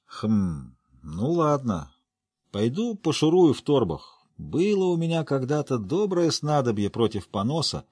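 A man voicing a gruff, boisterous older male dwarf who talks in a rough, folksy, teasing way. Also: mid-range voice, big pitch swings, a little slow, darkish tone, no echo, voice pushed up. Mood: gruff jovial.

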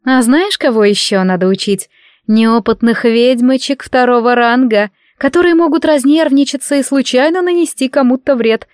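A woman's voice: high-pitched, normal speed, a little mellow, no room sound, clean studio sound, pitched above the performer's own voice, natural voice. Woman doing a sly honeyed head witch. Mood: scheming. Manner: venomous, honeyed.

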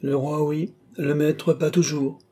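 A jaded, sardonic monarch speaks in dry, mocking turns, as a man reading an audiobook plays him. The voice sits a little higher than the narration and keeps a husky, dark grain. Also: flat delivery, slow. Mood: wry. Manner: mocking, wry. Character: ironic, weary old king, mocking and dry.

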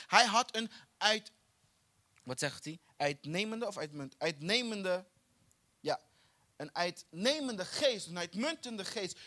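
A young man preaching a sermon in a church, building up to loud, chanted refrains. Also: sits high, no echo. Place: church hall.

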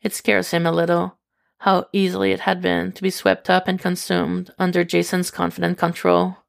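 A woman reading a fan story aloud in calm, intimate scripted narration. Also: on the low side, normal speed, gravelly. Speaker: podfic reader.

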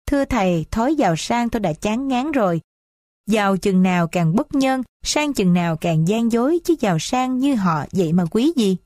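A woman's voice: mid-range voice, expressive, moderate pace, dark tone, no room sound, studio quality, close to an everyday voice. A woman voicing a devoted young mother of noble birth in a read-aloud story, pleading and heartfelt. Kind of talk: audiobook character reading.

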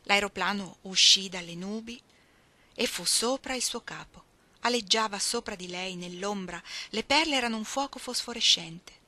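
A woman reading a novel aloud, slow and expressive, sometimes dropping to a soft whisper. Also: medium pitch. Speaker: audiobook reader. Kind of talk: literary reading.

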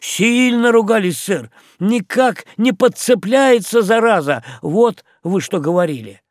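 A man voicing a stubborn, defiant sailor who speaks loudly and bluntly. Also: high voice, lively intonation, a little slow, gravelly, no echo, clean studio sound, voice pushed up, heavily acted. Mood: insistent.

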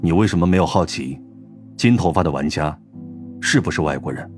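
Guy playing a calm officer, deep flat voice, asks pointed questions, audiobook. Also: a little slow, faint music behind. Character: calm, sharp-eyed male military officer. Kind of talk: audiobook character voice.

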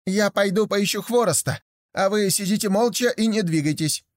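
A man voicing a sly, polite male trickster hare in a storybook reading, smooth and mock-courteous. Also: sits high, moderate pace, no room sound, studio quality, voice pushed up, lightly acted.

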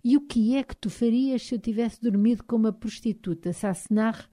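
A woman with a European Portuguese accent voicing an angry, proud young Highland husband, speaking emphatically with a raised voice. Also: moderate pace, dark tone, natural voice. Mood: heated.

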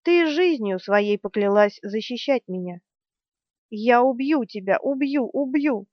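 A woman reading the part of a fierce, desperate female warrior in an audiobook, shouting and shrill. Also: lively intonation, measured pace, no echo. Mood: furious desperation. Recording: dry, slightly dull studio sound.

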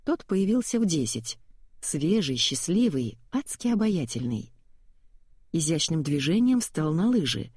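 A woman reads a story aloud in an even, measured way. Her voice is low, mellow and slightly husky, recorded close and dry. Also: no echo. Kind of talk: audiobook story reading.

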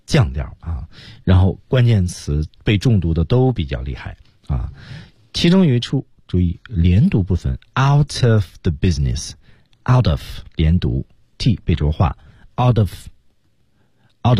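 A man co-hosting an English lesson on a radio program, explaining lively and acting out English lines. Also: deep voice, slightly rough, dry recording, clean studio sound. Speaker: radio English teacher, co-host. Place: radio studio.

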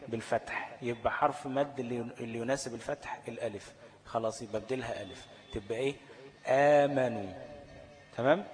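A man with an Egyptian Arabic accent teaches a tajweed lesson at a mid-range pitch. He keeps putting questions to the class, answers them himself and walks through each rule step by step. His voice carries a long, trailing reverb as if in a large hall.

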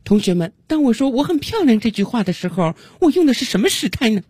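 Vain female schoolteacher, coy and high-pitched, voiced by a man; radio comedy bit. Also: sing-song, fast talker, very noisy. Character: vain female grammar teacher.

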